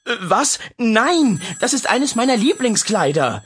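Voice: medium pitch, sing-song, slow, husky, voice pushed up, exaggerated voice. A narrator voicing a harried mother of three in a children's audiobook. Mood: startled. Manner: flustered, shouting commands.

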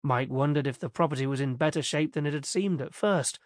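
A man narrating an audiobook in a steady, measured storytelling manner. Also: on the high side, dry recording, clean studio sound.

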